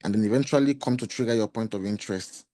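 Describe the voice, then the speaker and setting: A man with a slightly hoarse voice explaining trading charts in a lesson, walking through the steps and repeating key points with rhetorical questions. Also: fairly low pitch, fast, dark tone. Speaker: trading mentor. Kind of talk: screen-share trading lesson.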